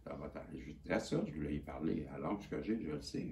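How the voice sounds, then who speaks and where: A man with a Québécois accent telling viewers a story in a casual, animated and indignant way, swearing freely. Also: very deep voice, a little fast. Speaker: channel host. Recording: echoey room with faint noise.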